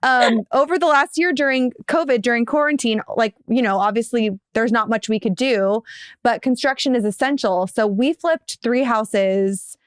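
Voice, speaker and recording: A woman's voice: on the high side, moderate pace, clean tone, dry recording, clean studio sound. A young woman from the United States co-hosting a podcast, chatting in a bubbly, gushing way with lots of fillers. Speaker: podcast co-host. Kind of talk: casual chat.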